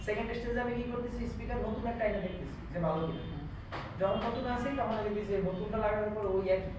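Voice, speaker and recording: A man with a Bangladeshi accent and a high voice races through an interactive electronics repair class indoors in a classroom, explaining concepts and frequently asking check questions. The recording comes from a distant mic in an echoey room with background noise.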